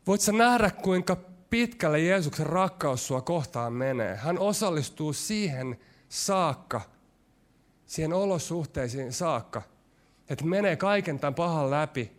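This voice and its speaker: A man preaching a sermon, his delivery shifting between quick, pressing stretches and slow, hushed lines. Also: a little high, lively intonation. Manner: varied delivery, rushing ahead then dropping to slow, hushed lines.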